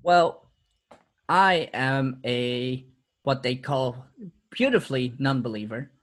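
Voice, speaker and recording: A man's voice: mid-range voice, expressive, takes it slowly, fairly bright tone. A man talking as a podcast guest in casual interview chat, reflective, laughing often and repeating words as he restarts.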